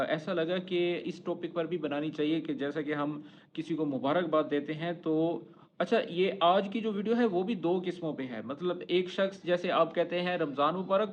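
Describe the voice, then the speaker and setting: A man teaching everyday spoken phrases in a casual, coaxing way, slowing down to model each phrase. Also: on the high side, highs cut off, a little hiss or hum. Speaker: Arabic teacher. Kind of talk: casual spoken-language lesson.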